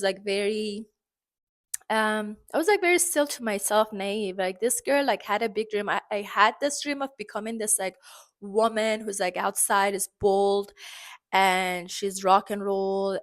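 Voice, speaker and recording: An Iranian woman whose first language is Farsi speaks English as a second language with an Iranian accent. In her casual vlog she chats expressively, full of fillers and sudden jumps in pitch.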